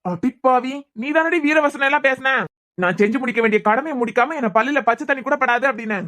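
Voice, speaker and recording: A woman's voice: high voice, fairly quick, fairly bright tone. A woman voicing a teasing young husband in a cartoon web series, with a Kanyakumari Tamil accent and a mocking manner.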